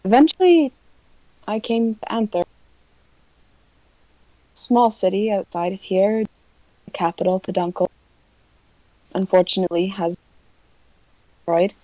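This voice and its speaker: A woman telling a story in character during a tabletop game, heard over an online call whose audio keeps breaking up. She talks in halting pieces with many pauses. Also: medium pitch, warm tone, dry recording, low-quality recording. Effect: glitchy call audio that keeps breaking up.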